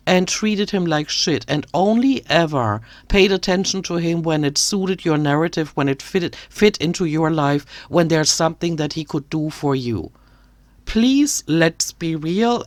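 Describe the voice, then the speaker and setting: A woman's voice: low voice, unhurried, no echo. A woman giving critical commentary on another creator, talking in an indignant, ranting way. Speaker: commentary youtuber.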